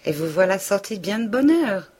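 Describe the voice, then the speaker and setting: A woman's voice: mid-range voice, big pitch swings, moderate pace, a little mellow, voice pushed up, close to an everyday voice. A woman reading a novel aloud, voicing a male village tax collector who speaks curtly and slyly. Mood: chatty. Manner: curt and sly.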